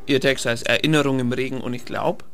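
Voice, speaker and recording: Bright, teasing male radio host. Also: medium pitch, fairly even intonation, a little fast, clean tone, soft background music. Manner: joking, teasing banter. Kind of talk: casual studio chat.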